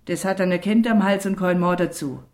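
A woman's voice: low voice, expressive, brisk. A woman reading an audiobook and voicing a bitter, weary rural mother who scolds sharply. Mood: bitter scolding. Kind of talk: audiobook character voice.

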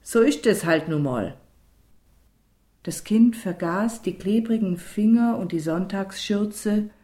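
A woman reading a novel aloud as a calm, even audiobook narrator. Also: medium pitch. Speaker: audiobook reader. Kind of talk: scripted narration.

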